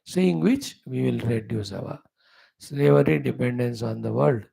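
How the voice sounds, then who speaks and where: A man with a North Indian accent teaching scripture in an informal discourse, explaining in short halting phrases and often checking with his listeners. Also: mid-range voice, gravelly, dark tone, slightly rough. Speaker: spiritual teacher.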